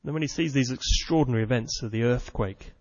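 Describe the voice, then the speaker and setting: A man's voice: mid-range voice, fast talker, darkish tone. A man preaching a sermon with earnest, dramatic storytelling. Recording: muffled sound with long hall reverb.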